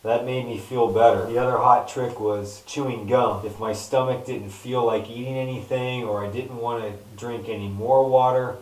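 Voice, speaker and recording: A man's voice: mid-range voice, steady tone, moderate pace, hardly any pauses, darkish tone. Male vlogger, everyday conversational delivery in broken phrases, echoey distant sound. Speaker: vlogger recounting own surgery recovery. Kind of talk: casual first-person health vlog talk. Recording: roomy echo, distant microphone.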